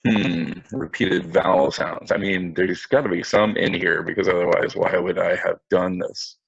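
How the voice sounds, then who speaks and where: Male teacher, low and gravelly, casual and self-mocking in an online lesson; dry, muffled video-call audio. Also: fairly even intonation, normal speed, no room sound. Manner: casual, self-mocking, talks to students directly. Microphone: computer mic on video call.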